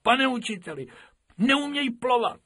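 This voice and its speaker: A man voicing a stubborn little schoolgirl who insists in a whiny, shrill way. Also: expressive, a bit bright, full character voice. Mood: insistent whiny.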